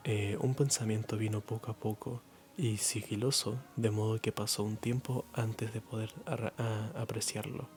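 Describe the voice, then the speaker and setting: A man from Chile giving a soft ASMR reading, halting and stumbling with many restarts, his throat strained and muffled. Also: flat delivery. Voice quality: low-energy, muted voice. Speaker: ASMR reader.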